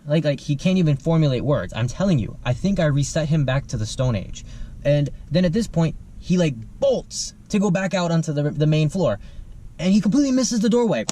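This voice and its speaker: A young man vlogging, telling a comic story to camera in an animated, self-amused way, laughing as he goes. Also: a little high, a little fast, a little hiss or hum.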